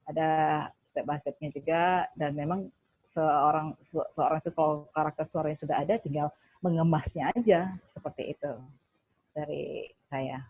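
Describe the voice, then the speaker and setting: A woman's voice: sits low, steady tone, moderate pace, darkish tone, slightly rough, no room sound, dull audio. Woman with a broadcaster's delivery. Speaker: TV news presenter and trainer. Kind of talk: workshop talk.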